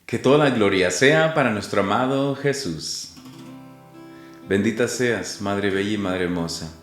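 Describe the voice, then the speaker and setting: A man leading a slow, devotional prayer that drifts into half-singing. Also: fairly low pitch. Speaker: prayer leader. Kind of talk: slow sung prayer over guitar. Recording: roomy with guitar music. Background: guitar music.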